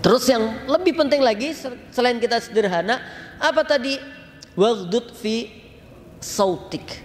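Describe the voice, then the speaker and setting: Chatty Javanese-accented preacher in a hall. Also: male voice, extremely high pitch, a little slow. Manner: lively, chatty, mixes in local slang, addresses congregation directly. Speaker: Islamic preacher. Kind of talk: casual storytelling sermon. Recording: long hall reverb, faint noise.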